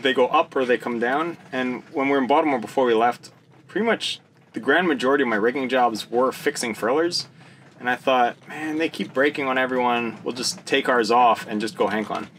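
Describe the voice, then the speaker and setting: Relaxed young man, casual interview guest, recorded in a small boat cabin with faint background noise. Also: mid-range voice, fairly quick. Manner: laid-back, relaxed. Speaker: sailor guest.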